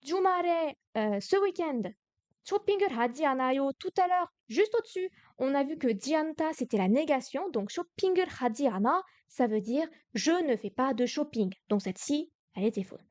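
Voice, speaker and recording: A woman's voice: high voice, lively intonation, brisk, few pauses, darkish tone, no room sound. A young woman teaching Korean to beginners on a livestream, explaining each answer patiently and step by step. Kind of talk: livestream lesson.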